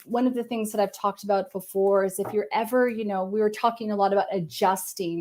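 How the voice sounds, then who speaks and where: A woman medium giving a live-stream reading, talking gently and searchingly, hedging with many likes and ums, and dropping to a soft murmur as she tunes in. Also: medium pitch.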